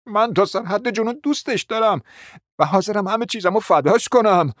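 A man's voice: high-pitched, a bit bright, no echo, studio quality. A young man acting a lovesick, desperate suitor in a radio play, stammering and pleading.

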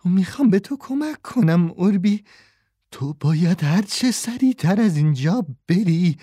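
A man's voice: high voice, expressive, warm tone, breathy edge, no echo, studio quality. A man voicing a lying crook in an audiobook who poses as a friendly uncle and pushes urgently and insistently. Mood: urgent pushy. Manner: pushy, falsely friendly, urgent. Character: lying male swindler posing as a kind uncle.

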